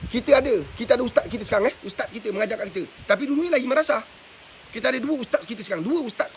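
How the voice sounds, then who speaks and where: A man's voice: very high-pitched, vocal fry, a bit bright, slight background noise. A man, a madrasah religious teacher giving parenting advice on a live stream, preachy and forever asking his listeners whether they understand. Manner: preachy, keeps asking rhetorical questions. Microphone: live stream mic with faint hiss.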